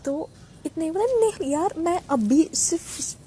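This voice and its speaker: Woman, mellow, casual chat, animated storytelling, code-switching, faint background noise. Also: extremely high pitch, slow pace. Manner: animated, mixes Hindi and English freely; acts out quoted dialogue. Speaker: reality show contestant.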